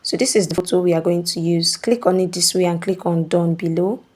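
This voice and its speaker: A woman's voice: fairly low pitch, steady tone, a little fast, darkish tone. A woman hosting a screen-recording tutorial, explaining steps patiently and checking in with "okay?". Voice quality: instructive, repeats "okay?" to check in. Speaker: tutorial host.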